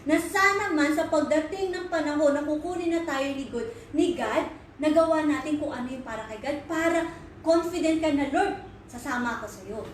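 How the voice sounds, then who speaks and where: Woman preaching, high voice, lots of echo, sounds far off from the mic. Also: moderate pace, a little hiss or hum. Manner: earnest, mixes English and Filipino, rhetorical questions. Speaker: Bible study speaker. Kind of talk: Taglish sermon. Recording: very echoey room, voice far from mic.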